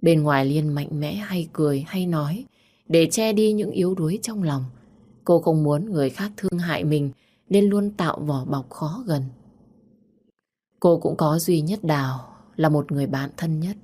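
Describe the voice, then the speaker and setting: A woman narrating a romance story in an even, storytelling manner. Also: deep voice, moderate pace. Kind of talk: scripted audiobook narration.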